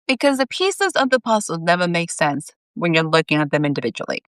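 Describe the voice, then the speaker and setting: A woman's voice: fairly low pitch, very animated, a little fast, dry recording. Wry bossy saint guy, woman reading him out, voice jumps all over, pretty dry sound. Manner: teasing, sharp-tongued. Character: wry, blunt male saint guiding a newcomer.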